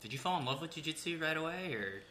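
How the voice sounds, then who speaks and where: A man's voice: fairly high pitch, expressive, quick pace, noisy background. A man hosting a podcast interview, asking questions in a curious, encouraging way. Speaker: podcast host. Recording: roomy echo.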